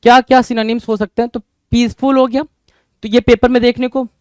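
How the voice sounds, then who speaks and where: A man's voice: extremely high pitch, little pitch movement, a little fast, no echo. A man teaching an exam-prep vocabulary lesson, repeating each question back to his students.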